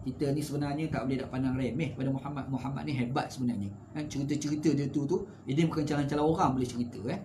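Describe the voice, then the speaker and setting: Fast-talking Malaysian man teaching scripture. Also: noisy background. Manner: conversational, with rhetorical tag questions; animated swings in pitch and loudness. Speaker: religious teacher. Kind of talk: Quran commentary lecture.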